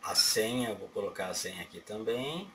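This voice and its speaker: With a lowish, animated, fairly bright voice, a middle-aged Brazilian host speaking with a Brazilian Portuguese accent rambles through how to set up a phone, checking in with "right?". Pauses get filled by "certo?" and "pá, pá" mouth sounds. The casual tutorial comes from a desk in a small home office, heard via a distant webcam mic over faint room noise.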